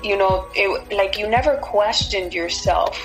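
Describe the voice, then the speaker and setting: A woman's voice: medium pitch, measured pace, faint music behind, poor audio. A woman in her twenties from Miami, speaking thoughtfully as an interview guest, with frequent fillers and light laughter. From Miami, United States. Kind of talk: casual interview conversation.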